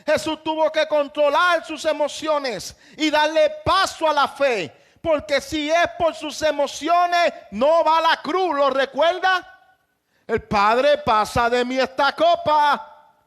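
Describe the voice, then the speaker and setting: A male pastor delivers a fervent sermon in a strikingly high-pitched voice. He drives his points home by raising his voice to a shout, then drops back to plain conversational preaching. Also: takes it slowly. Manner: impassioned preaching with shouted emphases.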